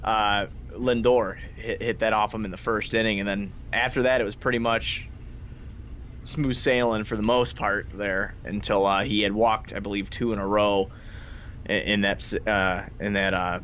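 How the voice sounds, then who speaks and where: A man's voice: on the low side, steady tone, moderate pace, a bit bright. A man hosting a sports podcast, recapping a game in casual, informal, slangy chat. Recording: dull lo-fi sound with faint noise.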